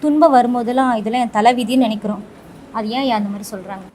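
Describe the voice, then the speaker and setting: A woman's voice: on the high side, quick pace, darkish tone, a little hiss or hum. A woman interviewer who asks questions politely and respectfully, calling him sir.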